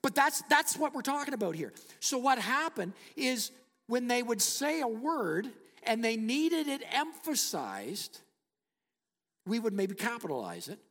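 A middle-aged pastor preaches in a church sanctuary, his voice pitched high and swooping through a very lively range. He lingers on key words, sinking them into low, hushed tones. A long reverb of the hall trails each phrase. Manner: dramatic preaching, slows and drops to near-whisper for emphasis. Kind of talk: sermon.

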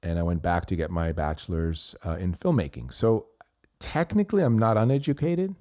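A middle-aged Swiss podcast host, a native Swiss German speaker, responds to a listener review in a deep, warm, dark voice. He's earnest and rambling, animated at a moderate pace, and often restarts sentences while defending himself.

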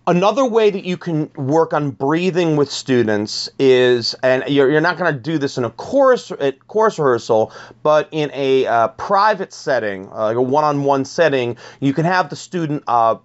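A man's voice: fairly high pitch, animated, moderate pace, few pauses, highs cut off. A man giving a spoken workshop on teaching young singers, explaining step by step with fillers and repeated words. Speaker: vocal pedagogy teacher.

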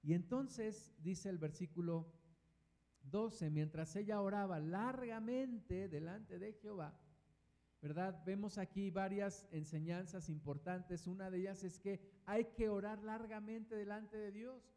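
A man's voice: sits high, a little slow, dark tone. A man preaching a sermon in a church hall, earnestly repeating words for emphasis. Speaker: guest preacher. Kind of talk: sermon with scripture reading. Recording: long hall reverb.

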